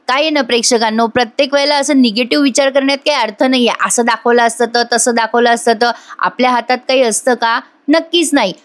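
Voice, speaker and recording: A woman giving a chatty voice-over recap of a TV serial and speaking directly to her viewers. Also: a little high. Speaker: serial reviewer.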